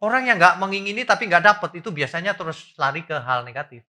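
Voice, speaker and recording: A man preaching a church sermon, animated and rising loud for emphasis as he asks the congregation questions. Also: high-pitched, quick pace. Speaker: pastor.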